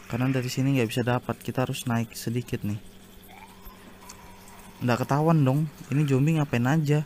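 A man's voice: mid-range voice, fairly even intonation, brisk, a little mellow, a little hiss or hum. A man giving casual commentary while he plays a zombie survival game, chatting to viewers and exclaiming at jump scares. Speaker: gaming YouTuber.

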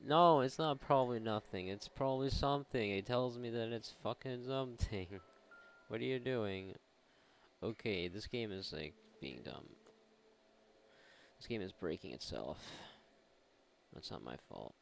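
With lively intonation and a measured pace, the man narrates his gameplay in casual, sarcastic, often profane let's play style as a gaming video host. His lowish voice carries vocal fry, and a slight hiss or hum sits underneath.

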